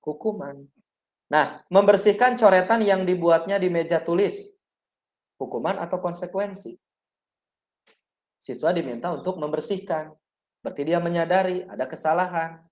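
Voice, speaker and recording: A man's voice: sits high, moderate pace, long pauses, echoey room. A man presenting an online teacher-training webinar, talking straight to his listeners and acting out sample teacher lines. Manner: lively, addresses listeners directly, acts out sample teacher lines.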